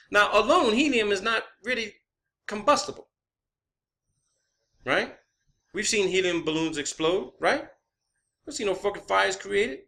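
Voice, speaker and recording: A high-pitched man with a pushed, bright voice rants as an amateur science vlogger in an unscripted, profane, emphatic monologue. Repetition drives his emphasis, and he checks each point with a questioning tag.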